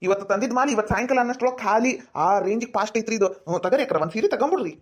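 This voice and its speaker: A woman playing a chatty village saree seller in a comedy skit, with a North Karnataka accent and a persuasive, flattering sales patter. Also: fairly high pitch, racing, natural voice. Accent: North Karnataka Kannada.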